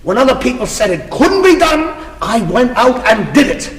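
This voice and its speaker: A man's voice: extremely high pitch, sing-song, normal speed, slight background noise. A man acting a boastful, competitive self-made businessman in a stage comedy, bragging theatrically in long lists. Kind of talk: stage comedy cast recording. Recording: echoey theater with long reverb.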